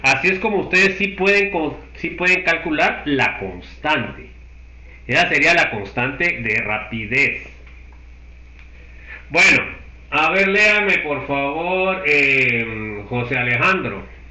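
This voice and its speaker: A man from Guatemala teaches a university chemistry lecture in a fairly high, bright, pushed voice with a sing-song lilt and a slow pace. He works through each step, keeps checking that the class follows, and the room sounds echoey.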